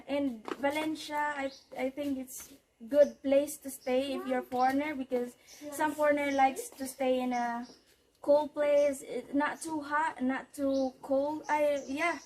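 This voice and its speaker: A Filipina vlogger with a high-pitched, slightly hoarse voice gives a casual house tour, walking through the patio and indoors. She chats haltingly, repeats phrases, and clears her throat, while the distant mic picks up roomy echo and background noise.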